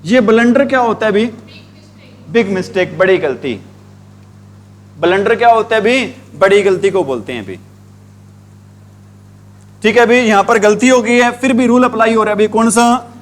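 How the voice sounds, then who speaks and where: His voice sits high with lively intonation as he teaches English grammar to a Hindi-speaking class. The man asks the same questions over and over for students to answer back, drawing out each spelled word.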